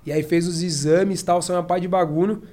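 A man, a podcast guest telling stories in a slangy, animated way. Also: high-pitched, a little fast. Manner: slangy and animated, acts out his own past shouts. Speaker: podcast guest, professional fighter. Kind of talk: casual storytelling.

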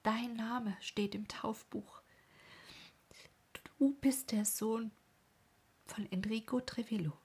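Storybook part: a woman as a solemn, motherly village woman, breathy, half whispered. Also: fairly high pitch, steady tone, slow pace, pauses often, a little mellow, voice pushed up, exaggerated voice.

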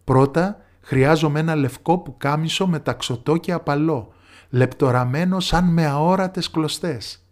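A man's voice: a little high, darkish tone, natural voice. A man voicing a clever young bathhouse girl in a storybook tale, speaking in pleading exclamations. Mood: composed.

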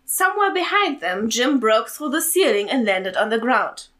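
A woman's voice: fairly high pitch, very animated, moderate pace, a bit bright, low-quality recording. A woman hosting a podcast, reading her own story aloud and chatting between passages with amused laughter. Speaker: story author and podcast host.

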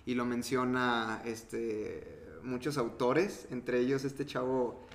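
A man's voice: medium pitch, steady tone, slow pace, creaky, roomy sound. A man with a Mexican accent co-hosting a casual podcast, talking animatedly and acting out other people's reactions. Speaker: podcast co-host.

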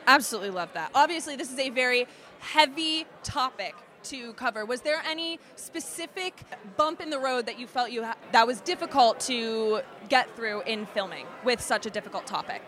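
A woman's voice: fairly high pitch, lively intonation, normal speed, a bit bright. A woman hosting red carpet interviews in an upbeat, enthusiastic way.

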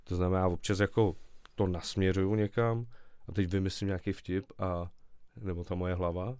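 A young man with a deep, low voice, chatting as a guest on a podcast. He rambles in a relaxed way and drops slang as he goes. The sound is dry and close, with no room around it. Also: clear, resonant tone, dry recording. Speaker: podcast guest, stand-up comedian. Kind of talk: casual conversational interview.

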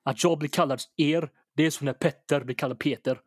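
A man's voice: on the high side, steady tone, dry recording, studio quality. A man co-hosting a podcast, prodding his partner for the story and mixing in English phrases. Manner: prodding, quick to react, mixes in English phrases. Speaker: podcast co-host. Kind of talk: casual chat.

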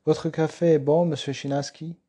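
A man's voice: a little high, little pitch movement, moderate pace, mellow, slightly rough. A man reading aloud, voicing a stiff male lawyer who speaks formally and sounds offended.

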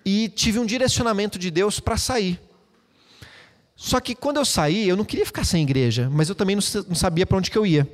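A man preaches in a high, bright-sounding voice, talking to his congregation in a lively, chatty way full of playful asides. His words ring out with the long reverb of a church hall. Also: fairly quick. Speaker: pastor. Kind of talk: sermon.

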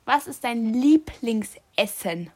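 A woman casually hosting a challenge, speaking deliberately to someone wearing headphones and repeating her questions and key words. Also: a little high, lively intonation. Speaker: host.

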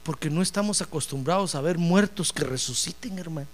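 A man pastor preaching a sermon, animated, calling the congregation brother and acting out dialogues. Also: fairly high pitch, brisk. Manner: animated, addresses congregation as hermano, acts out dialogue. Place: church in Phoenix.

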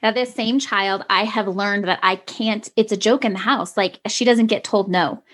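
Lively mother telling family stories. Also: medium pitch, normal speed. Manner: animated storytelling, acts out family dialogue. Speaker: co-host and parent. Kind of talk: casual chat with anecdotes.

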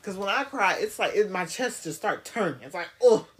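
A woman in her twenties co-hosting a casual podcast chat, animated and dramatic, laughing often. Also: mid-range voice, moderate pace, heavy background noise. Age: 20s. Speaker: podcast co-host.

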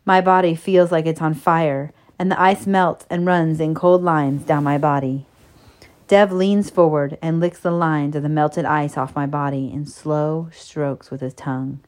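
A woman narrating a first-person erotic story in a soft, steady, intimate reading. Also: low-pitched, a little slow.

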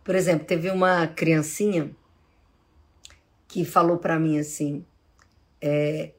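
She is a middle-aged psychologist with a Brazilian accent and a low voice, taking her time while answering audience questions in a casual live Q&A. Calmly explaining, she role-plays short examples of what to say.

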